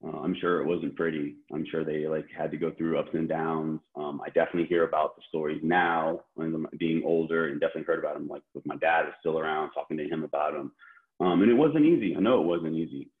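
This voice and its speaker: A man's voice: a bass voice, steady tone, fast. A man born in Korea, speaking as an interview guest in a loose, rambling way with many fillers and restarts. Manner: rambling, heavy use of "like" and restarts. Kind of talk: casual conversational interview. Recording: tinny phone-like line.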